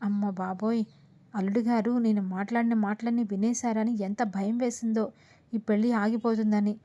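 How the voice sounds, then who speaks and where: Mellow-voiced woman retelling a serial. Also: on the high side, fairly even intonation, normal speed, muffled recording. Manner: chatty, quotes characters with "అని చెప్పేసి". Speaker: serial episode narrator.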